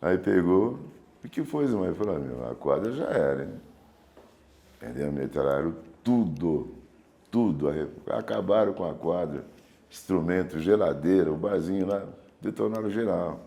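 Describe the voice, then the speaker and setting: A man's voice: deep voice, expressive, normal speed, creaky, mellow. A man, telling his memories in an interview and acting out the voices of people in the story. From Brazil. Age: 70s.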